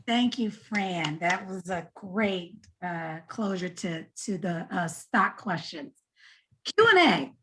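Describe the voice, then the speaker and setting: A woman's voice: fairly low pitch, slow, hardly any pauses, fairly bright tone, breathy edge. A woman moderating a panel, attentive and affirming as she reads out questions.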